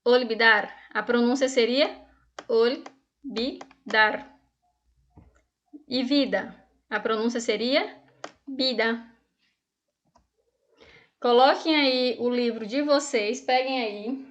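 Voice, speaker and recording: A woman's voice: a little high, a little slow, fairly bright tone, lo-fi sound. A woman from Brazil teaching an online language lesson, explaining patiently, asking the class questions and reading exercises aloud. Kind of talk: online Spanish lesson for students.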